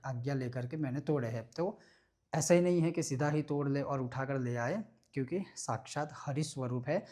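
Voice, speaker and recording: A man explaining a prayer-bead ritual step by step, in a measured way that repeats phrases, chanting syllables and mantras slowly. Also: mid-range voice, warm tone. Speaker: ritual teacher.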